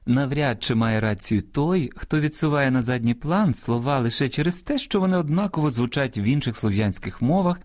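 A man hosting a radio language program, reading a scripted lesson in a measured, teacherly way and speaking straight to his listeners. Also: medium pitch, darkish tone, no echo, studio quality. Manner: measured, didactic, addresses listeners directly.

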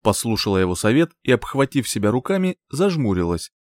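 A male audiobook narrator with a mid-pitched voice who reads a first-person fantasy story expressively. His intonation swings widely from line to line, and the sound is dry and close. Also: fairly quick, no echo. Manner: expressive, lively reading.

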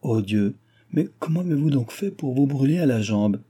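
A man's voice: medium pitch, lively intonation, moderate pace, warm tone, breathy edge, voice pushed up. A man voicing a scheming noble countess who speaks with false, honeyed politeness. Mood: sugary.

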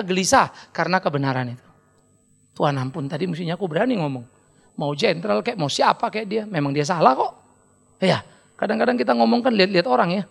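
A man preaching in a church with a high, gravelly voice. He keeps it loose and funny, slipping into little acted-out quotes. The tone is chatty rather than formal. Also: fairly bright tone. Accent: Indonesian. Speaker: pastor. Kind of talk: sermon.

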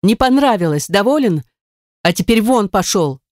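A woman voicing a hurt, defiant young woman who hisses and shouts back, in an audiobook reading. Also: fairly low pitch, moderate pace, dry recording, studio quality, natural voice.

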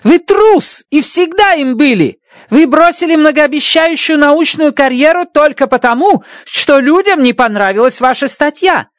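Reader putting on a stern mission chief woman, domineering, shouting, lively pitch, dry sound. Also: normal speed, no echo, lightly acted. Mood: scornful. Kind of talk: audiobook character voice.

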